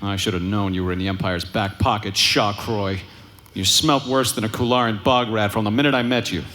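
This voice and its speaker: A man's voice: lowish voice, steady tone, a little fast, a bit bright, a little hiss or hum, lightly acted. A man playing a cocky, impatient smuggler pilot with a wry, sarcastic, offhand delivery in a live space-opera audio drama. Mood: defiant. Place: live convention stage.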